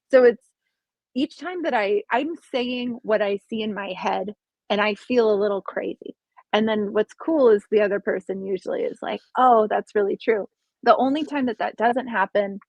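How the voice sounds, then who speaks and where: A woman's voice: medium pitch, no room sound, lo-fi sound. A young woman, a guest on a podcast, talking casually about her psychic readings, musing aloud and hunting for words. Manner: musing, searching for words, many restarts.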